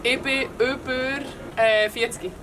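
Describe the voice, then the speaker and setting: A woman's voice: sits high, steady tone, takes it slowly. A woman with a Swiss German accent, playing a casual guessing game in a playful, giggly way. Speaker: guest. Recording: distant mic in a noisy place with vehicles.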